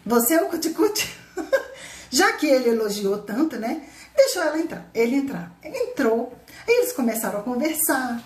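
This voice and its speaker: A woman telling a fairy tale live to her viewers, animated and chatty, often laughing. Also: sits high. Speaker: storyteller. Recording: roomy echo.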